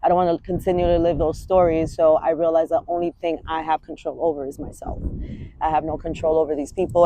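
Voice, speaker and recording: A fitness coach in her thirties from Washington Heights, New York, delivers a casual vlog monologue, candid and rambling, swearing freely. Her voice is low-pitched and dark, on a rough recording with slight background noise.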